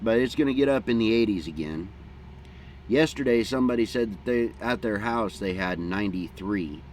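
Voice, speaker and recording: A fairly low, darkish male voice at a moderate pace belongs to a middle-aged American vlogger chatting casually outdoors. He speaks in a folksy, plain-spoken, unhurried way, pipe in mouth between puffs. An outdoor hum and background noise are clearly audible.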